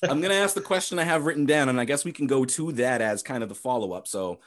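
A man's voice: medium pitch, fast talker. Laid-back male sports podcast host. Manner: relaxed, rambling, swears freely. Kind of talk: casual sports chat.

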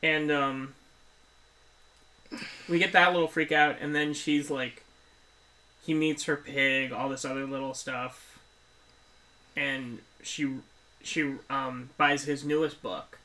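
A man co-hosting a casual film review podcast, recapping scenes and slipping into quick impressions of the characters. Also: medium pitch, level tone, pushed and bright. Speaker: podcast co-host.

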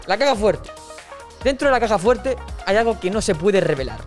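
A man's voice: high voice, expressive, moderate pace. A man hosting a casual podcast, announcing a game section in a loose, filler-heavy way. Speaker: podcast host. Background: music.

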